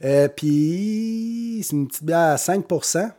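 A man's voice: high voice, lively intonation, slow pace, warm tone. A man with a Québécois accent, co-hosting a podcast with dry, teasing remarks. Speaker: podcast co-host. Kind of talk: casual podcast chat.

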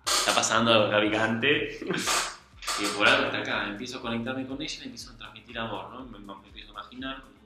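A man's voice: medium pitch, steady tone, fast talker, sharp tone. A young man with an Argentine accent telling a personal story in an earnest, confiding, colloquial way. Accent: Argentine Spanish. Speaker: guest. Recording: very echoey room, faint music.

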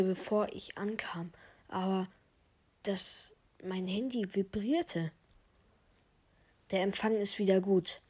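A woman's voice: mid-range voice, slightly rough. A woman telling a first-person story, reading it aloud and dropping to a whisper at tense moments. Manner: reads along, drops to a whisper at tense moments.

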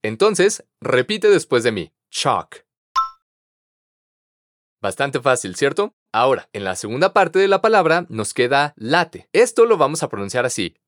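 A man teaching English pronunciation on a podcast, patient and encouraging, modeling words slowly for students to repeat. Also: mid-range voice, very animated, dry recording, clean studio sound. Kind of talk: podcast language lesson.

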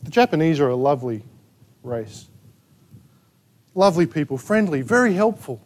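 High-voiced Australian preacher. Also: male voice, big pitch swings, moderate pace. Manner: emphatic preaching with rhetorical questions and sharp asides. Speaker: pastor. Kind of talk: sermon. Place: church gathering in a rented hall.

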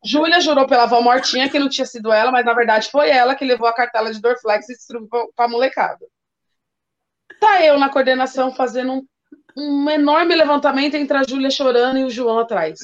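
This school coordinator's voice sits high and moves quickly as she chats and tells stories, animatedly voicing the children involved. The audio is dull and lo-fi.

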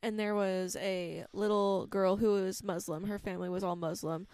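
A woman's voice: mid-range voice, fairly even intonation, moderate pace, darkish tone, smooth, no echo. A woman co-host with a mid-range voice chats casually and prompts a story on a faith podcast. The recording is dry and close-miked.

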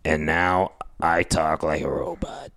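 A man voicing an ex-smoker in a slow, flat robot voice, as in a mock anti-smoking testimonial. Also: extremely low pitch, voice pushed down, full character voice. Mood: deadpan, robotic.

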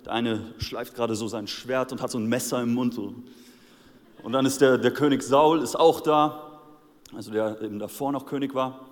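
A man's voice: mid-range voice, moderate pace. A male pastor with a German accent preaching a sermon, telling a Bible story in casual slang and acting out the characters' lines. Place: church hall. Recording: long church hall reverb.

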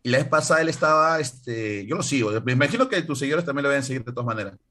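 A man, chatting casually and rambling excitedly. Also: medium pitch, rapid-fire. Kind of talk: casual chat.

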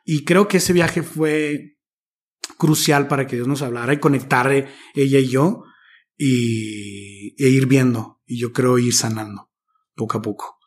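Husky man telling his story. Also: medium pitch, measured pace. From Mexico. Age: 30s. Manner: reflective, slang-sprinkled storytelling. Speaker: guest. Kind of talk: personal testimony in conversation.

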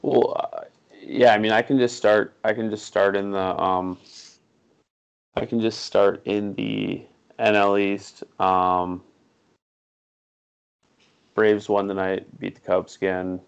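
Gravelly low-voiced man, blunt sports talk. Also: level tone, highs cut off. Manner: blunt, opinionated, quick reactions. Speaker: podcast co-host. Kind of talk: casual sports chat.

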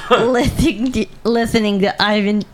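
A woman's voice: fairly high pitch, fairly even intonation, measured pace, slight background noise. Laid-back woman co-host, dry replies. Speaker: podcast co-host. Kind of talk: casual chat.

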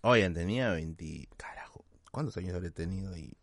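A man with a Lima Peruvian accent, a podcast host telling a self-mocking anecdote in a casual, animated way. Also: sits low, a little fast, no echo. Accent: Peruvian Spanish, Lima.

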